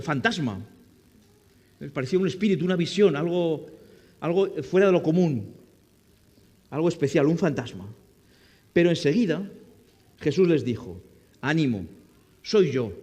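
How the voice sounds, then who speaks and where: Male preacher, slightly high and very animated, asks the congregation questions, long hall reverb. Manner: asks the listeners questions and acts out the quoted speech. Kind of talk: sermon.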